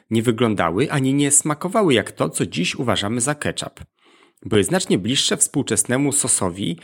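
Hosting a scripted educational podcast, a man speaks straight to the listener in a husky, mid-pitched voice with plenty of creak and a slightly bright quality.

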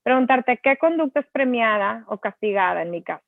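A woman's voice: on the high side, fairly quick, gravelly, dry recording. A woman with a Mexican Spanish accent, chatting casually as a co-host and telling stories with lots of fillers. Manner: chatty, many fillers, animated storytelling. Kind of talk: casual conversation. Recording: tinny phone-like dry sound.

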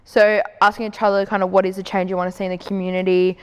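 A woman's voice: mid-range voice, level tone, fast talker, clear, resonant tone, big-room sound. Young woman hosting a youth panel. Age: young adult. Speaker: host.

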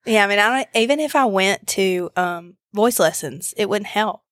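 A woman chatting informally as a podcast co-host, with a slightly hoarse voice at a middle pitch. The sound is dry and close, with very little room on it. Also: moderate pace, a bit bright, dry recording. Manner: informal, conversational. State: hoarse, voice recovering after losing it. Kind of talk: casual chat.

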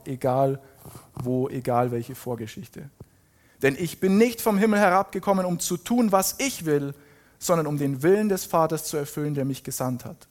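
A man reading a Bible passage aloud and stopping now and then to comment on it in a casual, emphatic way. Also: fairly high pitch. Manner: reads scripture slowly with emphatic rises, then comments casually. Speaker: preacher.

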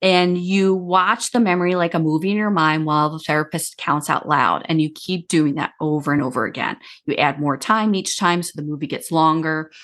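A woman's voice: low voice, brisk, few pauses, fairly bright tone. A woman grief counselor talking casually in an interview, explaining in long run-on sentences.

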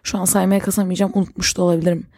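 A woman's voice: lowish voice, flat delivery, rapid-fire, warm tone, dry recording, studio quality. Chatty young woman, rambling podcast talk. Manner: rambling, chatty, self-correcting storyteller. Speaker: podcast host. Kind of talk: casual solo podcast chat.

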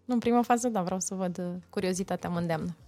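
A woman, an actress, chatting as a podcast guest, pausing often to search for words. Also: fairly low pitch, mellow. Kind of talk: casual interview chat.

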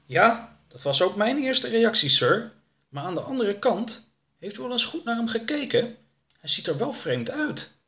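A man voicing an eager, deferential young male deputy in an audiobook, dutiful and quick to obey. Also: very high voice, very animated, bright, forceful tone, pitched above the performer's own voice, heavily acted. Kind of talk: audiobook character voice.

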